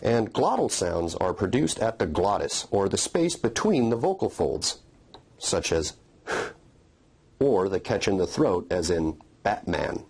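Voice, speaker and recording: A man's voice: on the low side, very animated, moderate pace, creaky, few pauses, darkish tone, slightly rough. A man narrating a scripted phonetics lesson, explaining and demonstrating speech sounds in a methodical way. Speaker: phonetics instructor.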